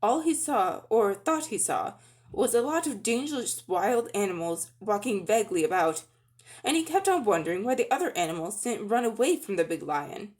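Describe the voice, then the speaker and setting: An audiobook-style narrator, a woman with a mid-range voice at normal speed, gives a dramatic reading of a children's story with expressive storytelling.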